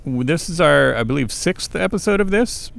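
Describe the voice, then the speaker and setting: A man's voice: on the high side, lively intonation, moderate pace, creaky, fairly bright tone. A man co-hosting a podcast, reading a novel aloud and stopping playfully to comment on its word choice. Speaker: podcast co-host.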